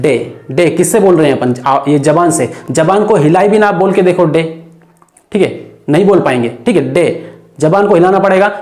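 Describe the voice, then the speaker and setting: A grammar teacher talks through an exam-prep lesson in a roomy, echoing space. The pitch sits in the middle range. Each point comes as a question to the class, then the teacher answers it and repeats the key word. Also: darkish tone. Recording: echoey room.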